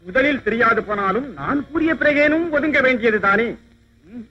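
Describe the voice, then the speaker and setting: An actor playing a wry, meddling divine sage who wanders the worlds carrying news, speaking with a sly, sing-song manner. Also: male voice, very high voice, moderate pace. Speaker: film character. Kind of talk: dubbed mythological film acting. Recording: dull lo-fi old film soundtrack with music.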